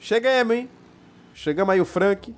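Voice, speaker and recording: A man with a Brazilian Portuguese accent hosting a let's play, joking and yelling during firefights and haltingly reading mission text aloud. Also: high-pitched. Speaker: gaming channel host.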